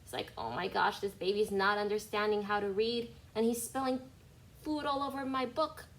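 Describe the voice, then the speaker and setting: Speaking directly to young children on an online class call, a woman kindergarten teacher reads a picture book in an expressive, instructive way. Her pitch is medium and her speed normal, but the recording is low quality.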